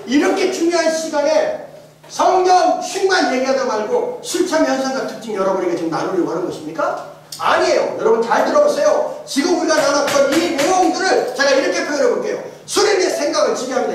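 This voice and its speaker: A middle-aged man, a pastor teaching his congregation, quizzing them with jokes and laughter, then building to emphatic shouted refrains. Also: extremely high pitch. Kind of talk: interactive sermon teaching. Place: large church hall with congregation. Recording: echoey hall, distant mic, congregation audible.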